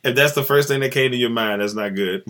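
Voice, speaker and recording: A man's voice: mid-range voice, fast talker, a bit bright. A man hosting a sports podcast, talking in a laid-back, joking, chatty way with his cohost. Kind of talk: casual sports podcast chat.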